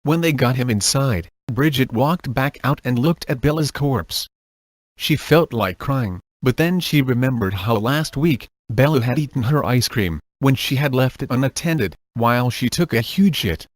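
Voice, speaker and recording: Male narrator, mid-pitched, deadpan reading, dry close recording. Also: normal speed, dry recording. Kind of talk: reading a comic horror story aloud.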